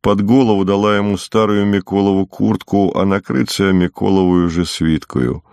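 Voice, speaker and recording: A man reading classic prose as an audiobook narrator, in a calm, even storytelling manner. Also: low-pitched, moderate pace, clear, resonant tone, no echo, clean studio sound. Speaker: audiobook reader.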